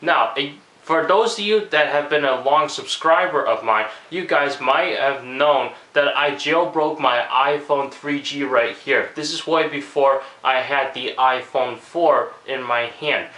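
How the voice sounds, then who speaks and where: A man's voice: mid-range voice, a little slow, sharp tone, roomy sound, poor audio. A man with a cold and a cracking voice, rambling casually through a video commentary with lots of fillers. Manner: rambling, many fillers and restarts. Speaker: tech vlogger.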